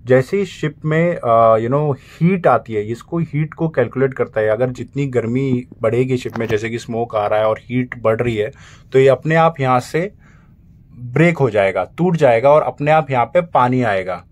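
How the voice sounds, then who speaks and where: This casual vlog tour features a young Indian man on a cruise ship crew, explaining his compact cabin and bathroom one step at a time while filming handheld. His voice sits in the mid-range and moves at a normal speed.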